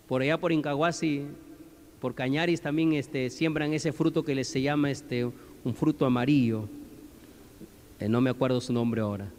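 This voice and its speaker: A man's voice: on the high side, a little mellow. A male pastor preaching in a conversational way, often asking the congregation questions. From Peru. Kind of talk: sermon. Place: church hall. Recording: long hall reverb.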